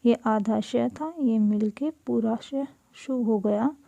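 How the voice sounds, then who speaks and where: A woman teacher going through a school lesson, saying each word slowly and giving its meaning. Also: a little high, vocal fry, mellow, no echo. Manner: slow, deliberate, repeats each word and gives its meaning. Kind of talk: classroom lesson explaining Sanskrit words in Hindi.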